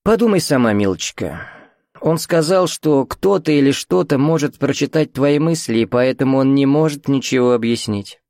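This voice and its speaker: A man's voice: medium pitch, lively intonation, moderate pace, darkish tone, no echo, clean studio sound, pitched above the performer's own voice, natural voice. A man voicing a cold, scornful middle-aged mother who talks down to her daughter in a cutting, commanding way, in an audiobook. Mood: mocking.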